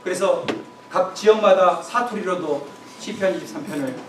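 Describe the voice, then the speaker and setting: A man's voice: sits high, normal speed. A man giving an emphatic, exhorting seminar lecture on preaching, speaking straight to his audience. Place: lecture room. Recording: roomy echo, voice from far off, faint room noise.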